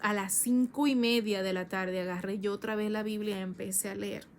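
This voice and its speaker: A woman evangelist in her thirties giving a fervent personal testimony, repeating phrases and rising high in pitch when emotional. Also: a little hiss or hum.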